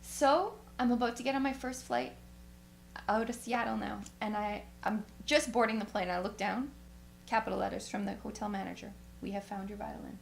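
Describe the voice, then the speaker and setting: A woman guest musician telling a story in animated fashion, acting out the quotes with big swings in pitch. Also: normal speed, creaky, slight background noise. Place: radio studio. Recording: roomy studio.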